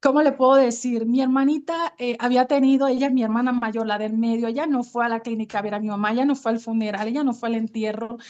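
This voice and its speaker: A Colombian woman preaches a heartfelt testimonial sermon in a voice pitched a little high. She talks earnestly and directly to her listeners, calling each one sister. Her Colombian accent colors every phrase. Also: steady tone, quick pace, hardly any pauses, darkish tone, dull audio. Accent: Colombian Spanish. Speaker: women's ministry speaker.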